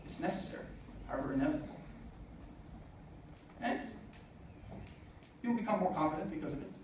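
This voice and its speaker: The audio comes from far away in a noisy hall full of echo, where a man in his twenties gives a sincere motivational address at a student business event. His fairly high voice has a darkish tone and is animated and slightly quick. He relies on "uh" a lot.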